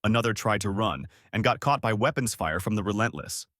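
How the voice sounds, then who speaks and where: A man narrating a science-fiction story in a steady, expressive reading. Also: fairly low pitch, a little fast, dry recording, studio quality.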